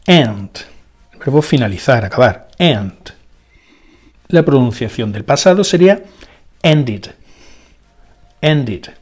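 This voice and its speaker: A male teacher, a native Spanish speaker, walks through a language lesson at an unhurried pace. His pitch rises and falls in a lively way, and he says each example word twice. He keeps asking quick checking questions as he explains. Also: breathy edge. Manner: slow and deliberate, repeating each example word; checks in with frequent rhetorical questions. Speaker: English teacher.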